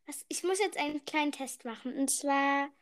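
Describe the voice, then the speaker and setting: A woman's voice: sits high, moderate pace. A woman in casual, playful chat, asking questions as a partner in a challenge.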